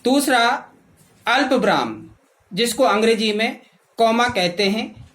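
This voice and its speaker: A woman giving a classroom lecture to teacher trainees. She speaks deliberately and names each punctuation mark aloud. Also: fairly high pitch, expressive, fairly bright tone, slight background noise, rough recording.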